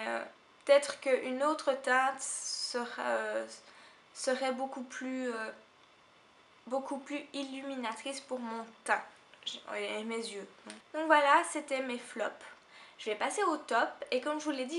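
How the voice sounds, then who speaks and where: A woman with a Belgian French accent reviews makeup in an easy, chatty vlog. Her voice sits a little high, and she talks hesitantly, stopping to correct herself. A faint background hum runs under her voice. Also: a bit bright. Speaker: beauty vlogger. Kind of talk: casual makeup review to camera.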